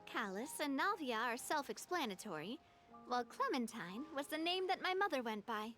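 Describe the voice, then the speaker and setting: An actress voices a confident young heiress who now leads her late father's family organization, speaking frankly and easily in a game cutscene. Her voice is high, very animated and a bit bright, at a moderate pace, with faint music behind her in the game audio.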